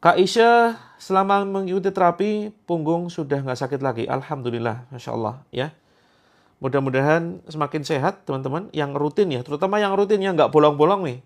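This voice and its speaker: Talking fairly quickly in a slightly high voice, this Quran therapy host, a man in his thirties from Indonesia, jokes and chats through viewer comments on his livestream. He repeats points to emphasize them.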